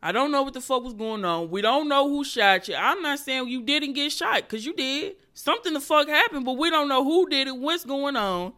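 A woman comedian hosting her podcast alone, ranting in loud, profane, animated bursts that sometimes drop to a whisper. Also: high-pitched, normal speed, hardly any pauses. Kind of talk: solo comedic rant.

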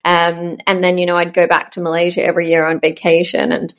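A woman, a startup founder chatting in an interview, full of ums and soft laughs. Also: on the low side, monotone, fairly quick. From Australia. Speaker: startup founder, podcast guest. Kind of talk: casual interview chat.

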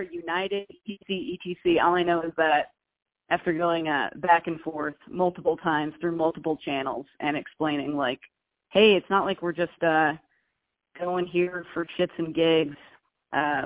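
Woman co-host calling in by phone: bad connection that keeps breaking up, tinny and dry, wry deadpan delivery. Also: on the low side, normal speed, no room sound. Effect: breaking-up phone line. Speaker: podcast co-host calling in from abroad. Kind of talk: casual chat.

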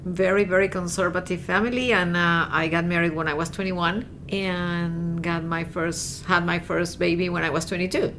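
A woman's voice: fairly low pitch, fairly even intonation, normal speed, hardly any pauses, a bit bright, slight background noise. A woman in her fifties from Colombia, chatting earnestly as a guest in a casual interview, laughing easily. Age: 50s. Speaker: guest, real estate agent and artist.

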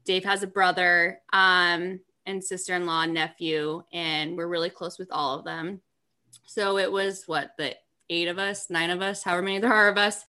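A woman's voice: on the low side, steady tone, pushed and bright. A woman in her thirties, a mother co-hosting a casual chat show, agreeing readily and telling her own stories. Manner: agreeable, quick affirmations. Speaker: podcast co-host, mother.

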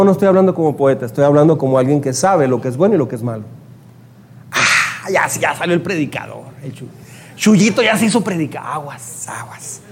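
A man with a northern Mexican accent from Chihuahua, preaching a sermon and telling personal stories, acting out the lines of the people in them. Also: high voice. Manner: animated, acts out quoted dialogue. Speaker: pastor.

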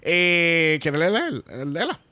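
Lively bright Puerto Rican man. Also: fairly high pitch, takes it slowly, dry recording. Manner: mixes Spanish and English, laughs a lot. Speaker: podcast co-host. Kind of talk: casual podcast chat.

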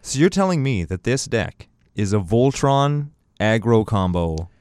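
A man's voice: lowish voice, animated, unhurried, a little mellow, clear, resonant tone, no room sound, studio quality. Upbeat man hosting from a closet. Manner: upbeat, jokey, teasing. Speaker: podcast host. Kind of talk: casual chat. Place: small broom closet at a radio station. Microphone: good studio mic.

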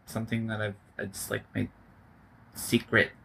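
A man's voice: fairly low pitch, little pitch movement, unhurried, creaky, sharp tone, a little hiss or hum. A man chatting casually as a podcast guest, laid-back and giggly, often trailing off mid-sentence.

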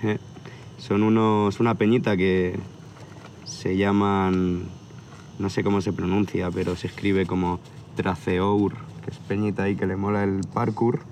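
A man's deep voice comes a little slowly, with a little hiss or hum, crickets and outdoor ambience in the background. He's a tattoo artist of about thirty from near Barcelona, Spain, chatting in a relaxed, rambling, hesitant way during an outdoor interview at a hilltop viewpoint at sunset.

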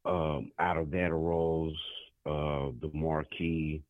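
A man's voice: very deep voice, flat delivery, takes it slowly, no echo, narrow, tinny audio. A man talking as a guest on an interview show, laid-back and slangy, often restarting his words. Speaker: guest musician. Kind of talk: casual interview chat.

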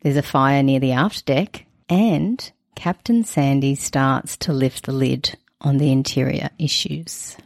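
Brief: woman podcast co-host, low voice, chatty and giggly, dry close mic. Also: takes it slowly, creaky, hardly any pauses, dry recording. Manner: chatty, giggly, recaps with enthusiasm. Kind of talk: casual podcast chat.

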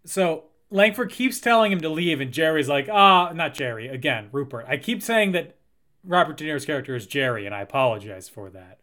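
A man's voice: a little high, a little fast. A man co-hosting a casual podcast, recounting a film's plot and acting out lines from it. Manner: recounts plot, acts out quotes with lively jumps. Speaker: podcast co-host. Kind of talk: casual film recap chat.

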